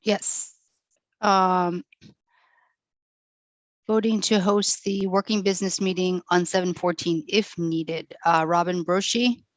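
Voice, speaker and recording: A woman's voice: fairly low pitch, fairly even intonation, slow pace, pauses often, dry recording. A woman taking a roll call in a procedural online meeting.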